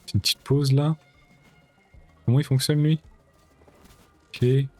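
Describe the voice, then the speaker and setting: A man's voice: mid-range voice, steady tone, takes it slowly, a little mellow, faint music behind. A man streaming a video game, chatting casually and thinking aloud to himself as he plays. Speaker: gaming streamer. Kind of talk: casual let's-play commentary.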